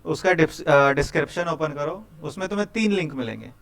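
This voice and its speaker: A man's voice: on the high side, fairly quick, gravelly, fairly bright tone. A young man teaching a live coding class, chatty and teasing, quizzing his students as he goes. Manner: chatty, quizzes students, keeps saying "bhai".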